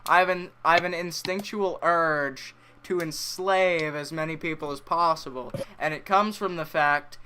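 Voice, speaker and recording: A young man in casual voice chat, teasing a friend and swearing often in deadpan mock arguments. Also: on the high side, moderate pace, hardly any pauses, slight background noise.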